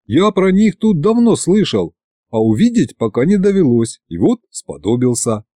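A man narrates an audiobook in a chatty, lively storytelling manner. His pitch rises and falls freely and his tone is dark and mellow. The sound is dry and close. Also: moderate pace, no room sound.

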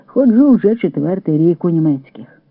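A jesting partisan fighter with a light, teasing way of talking, as a male reader voices him. His voice sits a little high and sounds close and dry. It comes through a thin, tinny radio recording. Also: very animated, moderate pace, dry recording, full character voice. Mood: joking. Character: joking Latvian partisan man, Oswald.

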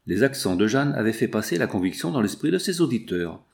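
A man narrating a classic novel in an expressive, steady reading voice. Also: lowish voice, brisk, gravelly. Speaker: audiobook reader. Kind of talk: scripted narration.

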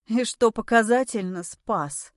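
A woman voicing a weary, cool-headed woman of forty-two who speaks calmly and coldly. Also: fairly high pitch, unhurried, no echo, clean studio sound, natural voice. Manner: calm, weary, cold.

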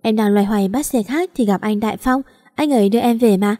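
A woman voicing an impulsive, chatty young woman who talks in an emotional, rapid, complaining way. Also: medium pitch, dark tone, no room sound, studio quality, close to an everyday voice.

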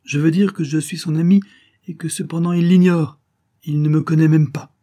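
A man's voice: on the high side, steady tone, normal speed, dark tone, pitched above the performer's own voice, natural voice. A man reading aloud plays a cunning disguised adventurer who speaks with sure, commanding knowingness. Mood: urgent, insistent.

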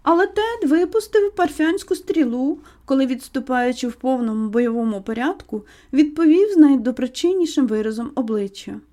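A woman narrating an audiobook of a classic novel with expressive reading. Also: sits high, moderate pace, few pauses.

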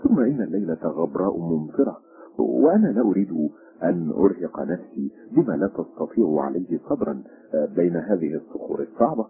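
A man voicing a calm, smiling, weary male stranger who speaks in a measured way, with a tinny phone-like sound. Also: deep voice.

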